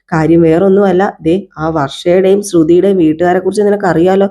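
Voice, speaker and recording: A woman's voice: lowish voice, steady tone, brisk, warm tone, close to an everyday voice. A woman voicing a bitter, scheming older mother-in-law who talks indignantly and swears she will drive someone out. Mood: resentful. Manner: indignant, vowing.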